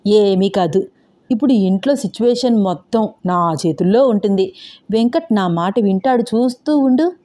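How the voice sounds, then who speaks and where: A woman voicing a bossy, scheming grandmother in her seventies who scolds loudly and talks slyly. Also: mid-range voice, animated, moderate pace, lightly acted. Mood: sly, confiding. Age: over 60. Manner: shouting, scolding, sly.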